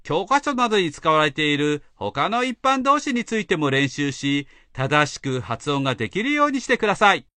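A man explaining pronunciation rules as an English teacher, slow and careful. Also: on the high side, big pitch swings, pushed and bright, dry recording. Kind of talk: instructional narration.

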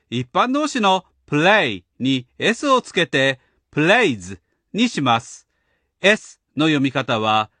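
Male lesson host, high bright voice, slow patient delivery, dry studio sound. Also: no room sound. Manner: clear, patient, instructional. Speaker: language teacher host. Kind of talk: explaining grammar in a radio lesson.

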